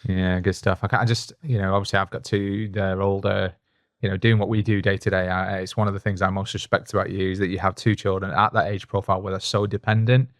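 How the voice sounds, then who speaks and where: A middle-aged man hosting a podcast, joking around and quick to jump in. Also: low voice, flat delivery, no echo, studio quality. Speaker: host. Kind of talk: casual podcast interview.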